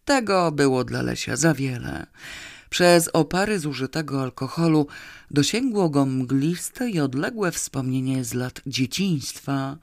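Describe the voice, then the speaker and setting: Slow, measured audiobook reader. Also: medium pitch, creaky, no room sound, studio quality. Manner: slow, measured, expressive reading. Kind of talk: audiobook narration.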